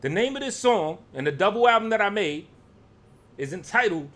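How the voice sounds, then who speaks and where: A rapper ranting at his critics, swearing heavily and swinging from shouting to low muttering. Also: lively intonation, normal speed. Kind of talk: profane angry rant.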